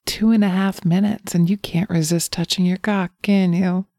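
A woman voicing a seductive, wicked female succubus in an erotic audio roleplay, teasing and breathy, sometimes dropping into whispers close to the mic. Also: on the low side, fairly even intonation, normal speed, dark tone, dry recording. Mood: sultry.

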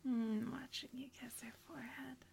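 A young woman in an intimate, whispered roleplay, speaking softly with gentle hums between lines. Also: high voice, level tone, normal speed, gravelly, slightly rough. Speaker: roleplaying a pregnant wife.

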